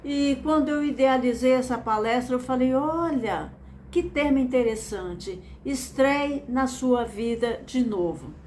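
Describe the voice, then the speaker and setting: A woman's voice: high-pitched, lively intonation, unhurried, a little mellow, a little hiss or hum. A woman from Mato Grosso do Sul with a Brazilian accent, giving an earnest, encouraging motivational lecture and repeating phrases for emphasis. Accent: Brazilian Portuguese. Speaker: speaker presenting a method.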